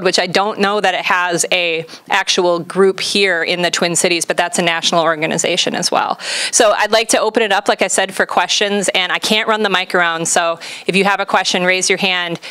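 A woman moderating a panel, introducing the Q and A and repeating questions in a brisk, organized way. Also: fairly low pitch, fairly bright tone, no echo.

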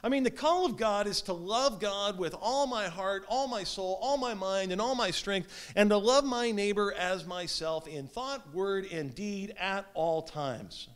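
A man in his thirties preaching a sermon as pastor, speaking with wide swings in emphasis and loudness, recorded standing in a small church sanctuary. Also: sits high, lively intonation, a little slow, hardly any pauses, smooth. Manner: gestures while preaching standing up. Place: small church sanctuary with stone fireplace, indoors.

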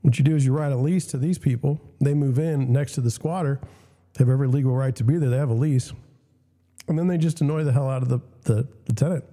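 A man's voice: medium pitch, fast talker, warm tone, in a large hall. A young man with a scratchy voice and a cough, hosting casual commentary, reading out news and questions and giving blunt opinions with frequent restarts. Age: young adult. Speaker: host.

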